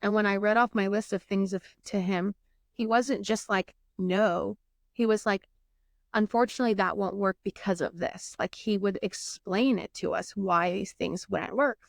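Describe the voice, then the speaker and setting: A woman's voice: medium pitch, moderate pace, creaky, no room sound, studio quality. A young woman hosting a podcast, telling a personal story candidly and emotionally, acting out what others said and swearing now and then. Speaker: podcast host.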